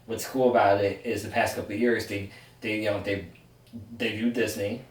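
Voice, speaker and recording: Heard through a far-off mic in a reverberant room, a man in his twenties co-hosts a podcast, chatting loosely with his sibling. His voice is lowish and steady at an ordinary speed, and he wanders and corrects himself as he talks.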